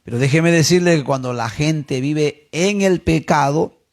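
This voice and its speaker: Guy pastor preaching, kinda high gravelly voice, goes quiet then loud, keeps saying brothers. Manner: storytelling preacher, swinging from low murmurs to raised, emphatic questions; addresses listeners as brothers, drawn-out emphasis on scripture. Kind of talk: sermon.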